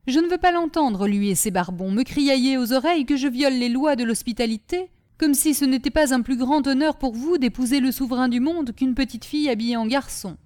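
Woman voicing a proud storybook caliph, lordly and dismissive, pitched a touch high, mellow tone. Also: brisk, few pauses, natural voice. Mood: imperious. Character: proud amorous male caliph, commanding.

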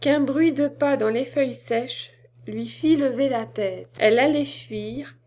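A woman narrating a classic tale as an audiobook, reading in a measured storytelling manner. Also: high-pitched, a little mellow.

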